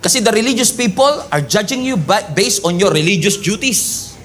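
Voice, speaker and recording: Animated Filipino pastor preaching. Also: male voice, high-pitched, normal speed, slight background noise. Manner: animated, joking, acts out quotes. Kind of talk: sermon.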